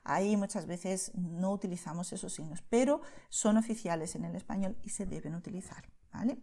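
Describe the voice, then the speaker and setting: A woman's voice: lowish voice, fairly quick, dark tone. A woman from Spain with a Spain Spanish accent, teaching Spanish to beginners in a patient, explanatory way and often checking in with the learner.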